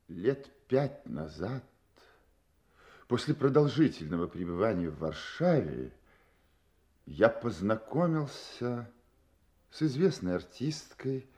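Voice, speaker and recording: A man's voice: lowish voice, creaky, darkish tone, full character voice. An actor playing a proud, imperious king in a Russian audio play, stately, formal and commanding. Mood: grave, confiding. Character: proud, imperious masked king posing as a count.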